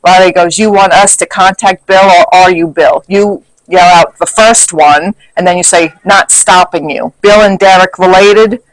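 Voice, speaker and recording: A man's voice: high-pitched, fairly even intonation, a little slow, hardly any pauses, no echo, poor audio. A man recapping a paranormal investigation in casual talk, reading back questions and answers from his notes.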